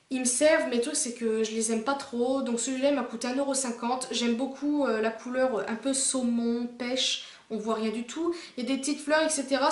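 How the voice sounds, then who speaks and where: Young french girl vlogging a haul, high voice, rambly, echoey room. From France. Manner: chatty, rambling with many fillers and restarts. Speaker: beauty vlogger. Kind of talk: casual haul video chat.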